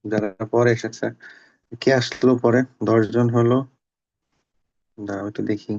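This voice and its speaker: A male language teacher in an online class, with a mid-pitched voice. He speaks patiently and says words slowly and more than once so the students can follow. The audio is slightly dull and lo-fi. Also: level tone, darkish tone. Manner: patient, repeats words slowly to drill pronunciation. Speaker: Bangla teacher.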